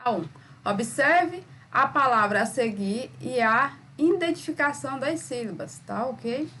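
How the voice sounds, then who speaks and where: A Brazilian woman teaching a recorded school lesson, patient and repetitive, sounding words out slowly and checking in with "tá ok?" after each step. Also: high-pitched, expressive, bright, forceful tone, slight background noise. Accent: Brazilian Portuguese.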